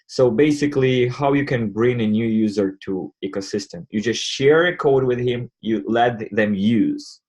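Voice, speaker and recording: A man hosting an online community call, explaining things step by step in a halting way. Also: on the low side, a little mellow. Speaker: host presenting a crypto wallet.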